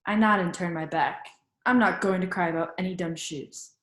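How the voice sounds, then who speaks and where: A woman whose voice is on the low side yet fairly bright in tone reads a children's picture book instructively, stopping to pose questions to her young audience. The recording has a roomy sound.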